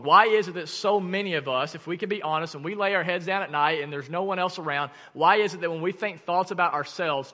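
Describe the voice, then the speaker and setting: A man with an Arkansan accent preaching a sermon to a congregation, emphatic, with dramatic drops and pauses. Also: high-pitched, bright, forceful tone. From Arkansas, United States. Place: large room, preaching to a congregation. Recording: long reverb of a large room.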